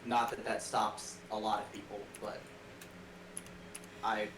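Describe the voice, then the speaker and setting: With a lowish, flat voice and a slow pace, a male co-host rambles casually on a call, his speech nasal and stuffy and heavy with fillers. He is recorded through an old webcam microphone set at a distance, which adds echo and noise.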